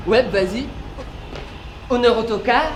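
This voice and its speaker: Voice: mid-range voice, slow pace, lightly acted. An actor playing a jeering, childish rival in a comedy short, recorded with roomy echo and faint vehicle noise. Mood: mocking. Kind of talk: comedy short film acting.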